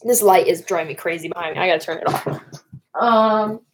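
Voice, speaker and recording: A woman's voice: on the low side, a little fast, background noise. A young woman with a Great Lakes Michigan accent chats casually on a live stream in an informal, rambling way. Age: young adult. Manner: rambling, informal, breaks off and addresses viewers.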